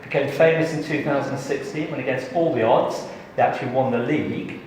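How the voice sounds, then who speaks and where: A man's voice: mid-range voice, fairly quick, a little mellow, a little hiss or hum. A middle-aged man from England giving a live tax training session, chatty and joking with the audience. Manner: jokey, chatty, engages the audience. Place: large training room. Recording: echoey hall from far off.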